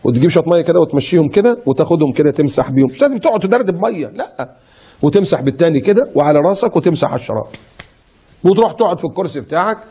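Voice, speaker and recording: A middle-aged Egyptian preacher man with a husky, slightly high voice. He talks in a lively colloquial way, jumping between loud mocking bursts and slow, drawn-out emphasis. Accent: Egyptian Arabic. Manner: animated, mocking imagined critics, sudden swings of pitch and pace. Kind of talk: colloquial sermon.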